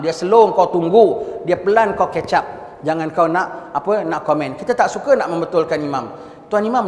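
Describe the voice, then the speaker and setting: High-voiced Singaporean Malay man teaching. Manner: conversational, often checks listeners with "ha?"; mixes English words into his speech. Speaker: religious teacher. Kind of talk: mosque lecture. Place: large mosque hall. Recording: echoey hall with long reverb and faint background noise.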